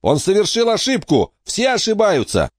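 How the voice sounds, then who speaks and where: A man voicing a protective older sister in an audiobook, pleading and shouting urgently. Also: sits high, sing-song, moderate pace, dry recording, studio quality, voice pushed up. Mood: desperate. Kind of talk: audiobook character voice.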